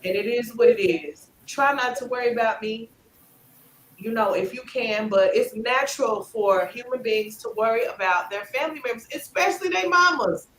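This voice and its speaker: An animated woman in her forties gives casual gossip commentary with a high voice. She stresses her points emphatically and drops low when she doubts something. The room around her adds a noticeable echo. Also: moderate pace. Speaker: channel host. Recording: roomy echo.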